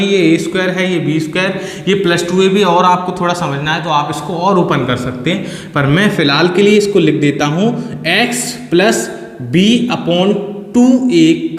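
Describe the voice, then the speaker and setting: A man teaching a maths lesson, patiently explaining step by step and slipping English terms into his talk. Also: high-pitched. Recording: echoey room with long reverb.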